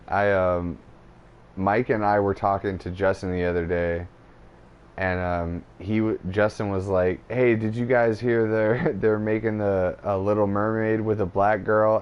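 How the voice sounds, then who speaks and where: Low-voiced teasing male podcast host. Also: fairly even intonation, measured pace, smooth, muffled recording. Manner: teasing, swearing, laughs a lot. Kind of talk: casual chat.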